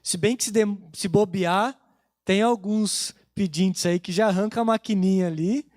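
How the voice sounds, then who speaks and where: A Brazilian-accented male pastor with a rather high voice, preaching in a church. He tells his sermon like a casual story, recounting family conversations. The sound is close and dry, with little room echo. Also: moderate pace, a little mellow.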